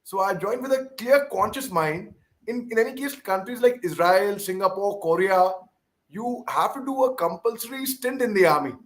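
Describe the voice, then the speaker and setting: A man's voice: high voice, lively intonation, normal speed. A man with an Indian English accent speaks conversationally in an interview, deferential, emphatic and given to repeating himself. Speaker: interviewer and former army officer.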